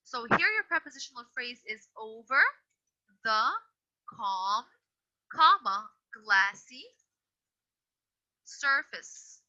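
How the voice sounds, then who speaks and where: Over dull, lo-fi video call audio, a teacher runs a grammar class online, patient yet firm while she repeats and corrects students. Her fairly high voice is expressive and sharp, moving slowly with frequent pauses.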